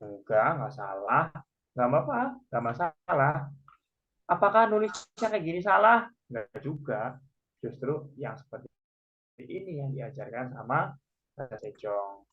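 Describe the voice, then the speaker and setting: A man's voice: medium pitch, big pitch swings, measured pace, husky. A man teaching a Korean language class online, patiently explaining each point step by step. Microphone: video call. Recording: muffled video call audio.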